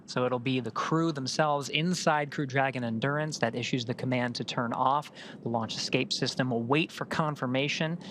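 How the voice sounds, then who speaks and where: Male broadcast commentator, mid-pitched, measured and halting, faint noise behind the voice. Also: fairly bright tone. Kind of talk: live explanatory commentary.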